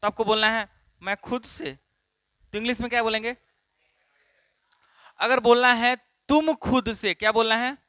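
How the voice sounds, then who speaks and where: Man, Bihari Hindi accent, teacher, drilling questions, very high pitch, dry sound. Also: steady tone, normal speed, pauses often, bright, forceful tone, clear, resonant tone, no echo. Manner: repetitive questioning, drills students. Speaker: spoken English teacher. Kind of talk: classroom lesson.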